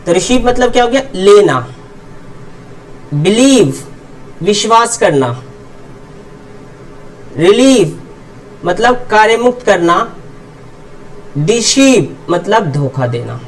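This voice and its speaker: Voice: mid-range voice, sing-song, far from the mic, slight background noise, poor audio. A teacher explaining English pronunciation, answering their own rhetorical questions and drilling each word with its meaning. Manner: repeats rhetorical questions and answers them itself; drills word pairs slowly, word then meaning. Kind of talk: explanatory lesson.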